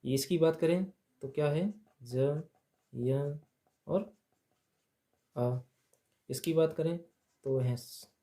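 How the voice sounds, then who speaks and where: Male grammar teacher, slow and deliberate, soft mellow tone, quizzes then answers himself. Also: a little high. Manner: asks questions then answers them himself, repeats key points. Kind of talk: slow blackboard lesson.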